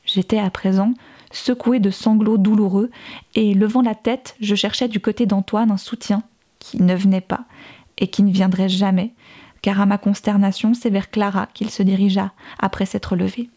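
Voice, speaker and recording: A woman narrating a novel in the first person, in a measured, even storytelling manner. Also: mid-range voice. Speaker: audiobook narrator.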